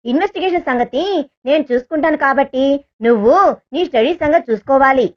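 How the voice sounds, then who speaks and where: A woman's voice: high voice, brisk, lightly acted. A woman voicing a teasing, caring young man in a romantic audio story, in a slightly dull recording. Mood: calm explaining. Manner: teasing, gentle, reassuring.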